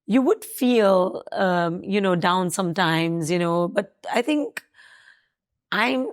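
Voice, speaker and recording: A woman's voice: lowish voice, expressive, slow. A woman in her thirties from South Africa, talking casually as an interview guest, hesitant with many fillers and restarts.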